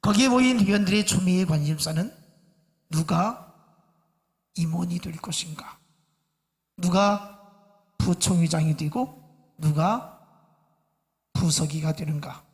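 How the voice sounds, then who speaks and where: A male pastor preaching a sermon to his congregation, in a slow, measured way with many pauses. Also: high voice. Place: church sanctuary. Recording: church hall reverb.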